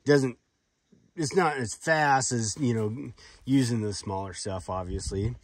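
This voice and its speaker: A man's voice: mid-range voice, a little slow, dry recording. A man giving a casual, unscripted outdoor product demonstration, talking in a hesitant, folksy, rambling way with some swearing. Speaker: product reviewer demonstrating fire starting. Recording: clearly noisy outdoor recording with clicks.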